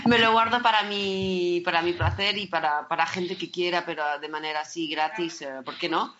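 A woman chatting casually as an interview guest, a non-native speaker who often pauses and searches for words. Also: fairly low pitch, steady tone, fairly bright tone, dull audio, slight background noise. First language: not Spanish. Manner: hesitant, searching for words in Spanish. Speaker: podcast guest.

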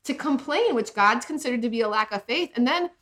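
A woman on a podcast tells a story in a casual, lively way, slipping into voices for the people in it. Her voice sits fairly high. She talks in a relaxed chat style. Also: fairly quick. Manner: animated storyteller, acts out voices in retelling. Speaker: podcast co-host.

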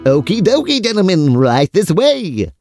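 A man's voice: high voice, sing-song, unhurried, a little mellow, soft background music, heavily acted. A man playing an obliging, formal restaurant waiter with polite, eager service patter in a comic audio drama.

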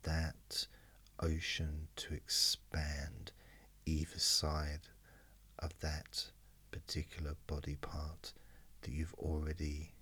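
Man, extremely low husky voice, mesmerizing hypnotist delivery, very slow, breathy near-whisper. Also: monotone. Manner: mesmerizing, slow and hushed, with long pauses. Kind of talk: slow guided hypnosis narration.

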